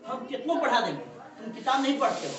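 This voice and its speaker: A woman teaching a class, lecturing and coaxing her students with quick check-in questions. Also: fairly high pitch, very animated, a crowd in the background. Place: echoey classroom. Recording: echoey classroom from far off.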